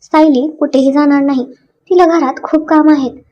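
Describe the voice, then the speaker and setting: A woman's voice: high voice, fairly even intonation, normal speed, dull audio, natural voice. A woman doing a jealous, snappish young husband. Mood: irritated. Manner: snapping, sharp.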